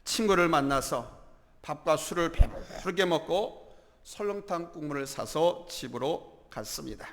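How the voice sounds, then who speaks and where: A male pastor delivering a Sunday sermon in a church, telling a story with animated delivery and acting out its characters. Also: on the high side, unhurried. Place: church sanctuary. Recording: echoey church hall.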